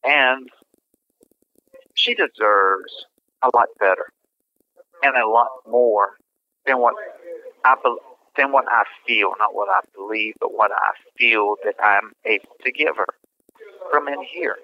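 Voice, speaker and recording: A man on a prison phone line, telling his own story in a plain, halting way with many fillers. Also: medium pitch. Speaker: incarcerated interviewee. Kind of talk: casual personal account. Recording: dull prison phone line with music under it.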